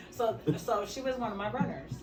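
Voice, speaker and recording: A woman's voice: medium pitch, measured pace, echoey room, recorded from a distance, over music, low-quality recording. A woman guest telling her own story in a casual chat, speaking frankly and laughing often.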